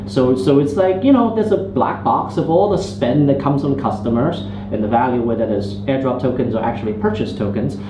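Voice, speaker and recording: Brisk and with few pauses, his medium-pitched voice carries through a roomy indoor space in Hong Kong, where he's being interviewed casually as a startup founder. Fillers and restarts loosen his phrasing, and the audio is muffled and noisy.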